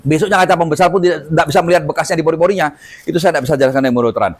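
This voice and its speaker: Fast-talking middle-aged male healer. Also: fairly high pitch, breathy edge. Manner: animated storyteller acting out dialogue. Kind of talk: storytelling testimony.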